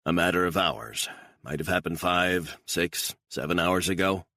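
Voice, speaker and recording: A man doing a gruff blunt agent. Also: low voice, unhurried, sharp tone, no echo, clean studio sound, heavily acted. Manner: blunt, matter-of-fact. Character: gruff male intelligence officer.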